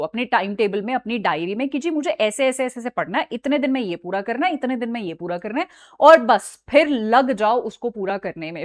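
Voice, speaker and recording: A high-pitched young woman teaches an online exam-prep class in a chatty, direct way. She drops English phrases into her sentences and keeps asking her students whether they're following along. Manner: chatty, mixes Hindi with English phrases, repeats "ठीक है?".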